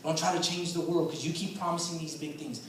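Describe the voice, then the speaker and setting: A man preaching a sermon in a conversational storytelling way, often saying "man" and repeating words, and getting loud and intense to drive a point home. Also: on the high side, fairly even intonation, fast talker, slight background noise. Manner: rises loud and intense for emphasis. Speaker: guest preacher. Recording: echoey hall, voice picked up from a distance.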